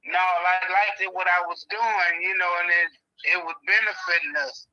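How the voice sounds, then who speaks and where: A man's voice: high-pitched, steady tone, moderate pace, sharp tone, dry recording. A man in his sixties, a homeowner on a phone call, talking in a rambling, reminiscing way. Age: 60s. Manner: rambling, reminiscing, heavy on fillers. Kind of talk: phone conversation.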